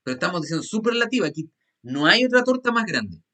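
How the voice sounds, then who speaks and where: Male teacher, slightly high and bright, patient, step-by-step explanations on a video call. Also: sing-song, fast. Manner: patient, repeats rules step by step. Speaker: English teacher. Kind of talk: online class explanation.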